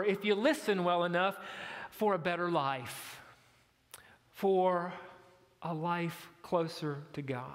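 A man preaching a sermon, telling a story and building to emphatic questions. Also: high voice. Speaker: pastor. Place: church sanctuary. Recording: echoey church sanctuary.

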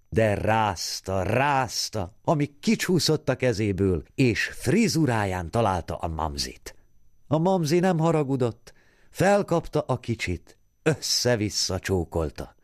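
A man reading a literary story aloud as an audiobook narrator, bringing quoted women to life with raised, lively voices. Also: medium pitch, no echo, clean studio sound.

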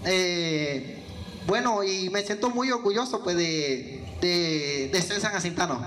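Speaking slowly in a high-pitched, fairly bright voice, a young adult guest musician from Venezuela fields interview questions, hesitant and full of fillers and restarts. He holds a handheld microphone in an indoor hall with yellow walls, with slight background noise audible.

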